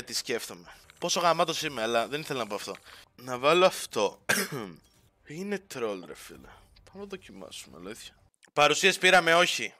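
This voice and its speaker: A young Greek man on Twitch chats casually with his viewers during a livestream, teasing them and dropping English slang. His voice is medium-pitched, pushed and bright.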